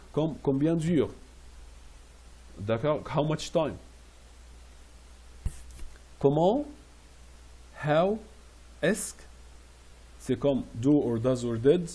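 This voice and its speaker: Slow, husky male French teacher. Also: a little high, animated, warm tone. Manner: explains French phrases in English, repeating each slowly. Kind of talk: classroom phrase lesson.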